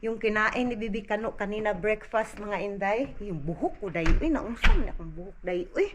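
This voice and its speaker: A woman's voice: mid-range voice, expressive, normal speed, a little hiss or hum. A woman from the Philippines, chatting casually in a home vlog as a mother, constantly addressing her viewers as "day" and "inday". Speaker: vlogger mother. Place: at home indoors.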